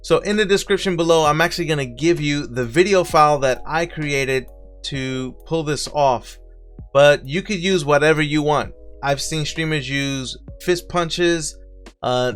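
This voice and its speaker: A man with a Brooklyn accent hosts a relaxed how-to for streamers. His voice sits a bit high, and his tone is friendly and chatty as he explains each step. Soft music plays quietly behind him. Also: measured pace, clean tone. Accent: Brooklyn New York. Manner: friendly, talks viewers through each click. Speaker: streaming tutorial host. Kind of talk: casual step-by-step software tutorial.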